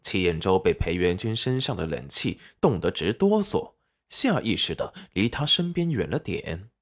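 A man narrating a serialized web novel audiobook with expressive storytelling. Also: deep voice, normal speed.

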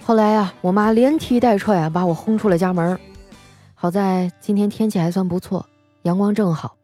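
A young woman, telling comic stories as a radio host in a wry, deadpan way and playfully voicing the people she quotes. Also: medium pitch, fairly quick, soft background music. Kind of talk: comic storytelling monologue.

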